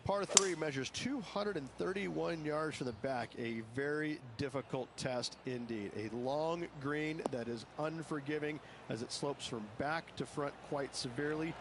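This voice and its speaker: A man voices a golf commentator for a game, speaking slightly high and unhurried as he gives emphatic, descriptive analysis that stresses how difficult the shot is. Clear outdoor ambient noise sits behind him.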